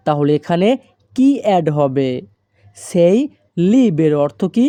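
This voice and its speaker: A Bengali-speaking teacher giving an Italian phrase lesson, saying each phrase very slowly and then breaking it into single words. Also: medium pitch, expressive, dark tone, no echo. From Bangladesh. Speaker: language teacher.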